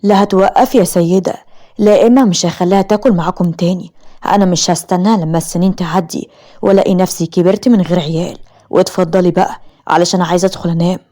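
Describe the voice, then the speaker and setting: A woman with an Egyptian accent voicing a harsh, demanding husband in an animated story. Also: on the low side, fast, lightly acted. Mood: angry. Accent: Egyptian Arabic.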